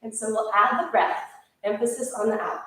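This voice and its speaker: A woman teaching a yoga class, calmly and steadily cueing breaths and movements. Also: on the high side, fairly quick. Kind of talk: guided yoga class instruction. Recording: echoey room, voice from far off.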